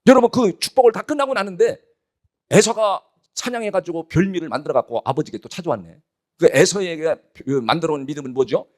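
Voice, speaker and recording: A man's voice: on the high side, fairly quick, darkish tone. A male pastor preaching a sermon with emphasis, often putting rhetorical questions to his congregation.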